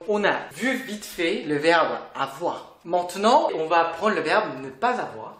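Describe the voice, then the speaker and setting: A language teacher talks through a lesson at an unhurried pace. The voice rises and falls a lot, with a patient habit of quizzing the listener. A roomy echo hangs on the recording. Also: medium pitch, very animated, fairly bright tone. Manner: patient, asks the viewer questions. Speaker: Korean teacher.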